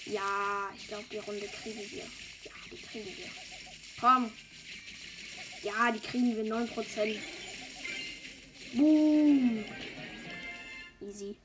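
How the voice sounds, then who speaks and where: Woman, casual gameplay commentary, excitable, slightly high voice, slow unhurried delivery. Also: background noise. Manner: excitable, exclaims and pleads during play. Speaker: gamer. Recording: game music behind the voice.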